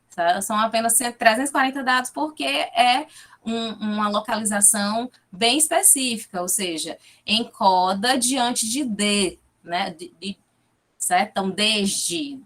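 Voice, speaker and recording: A woman with a Fortaleza accent delivers an academic research talk over a video call. Her tone is explanatory and patient, and she checks in with her listeners after nearly every point. Her voice sits at an ordinary middle pitch for a woman. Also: a bit bright. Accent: Fortaleza, Ceará. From Fortaleza, Brazil. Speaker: guest lecturer, linguistics researcher.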